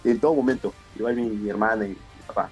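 A young man, a wrestler telling stories in a casual interview, his voice jumping up when excited. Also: fast talker, breathy edge, soft background music. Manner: animated storyteller, voice jumps high when excited. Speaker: pro wrestler guest.

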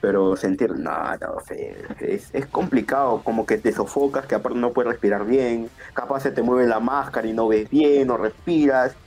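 A young man, a wrestler telling stories in a casual interview, his voice jumping up when excited. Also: moderate pace, hardly any pauses. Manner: animated storyteller, voice jumps high when excited. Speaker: pro wrestler guest.

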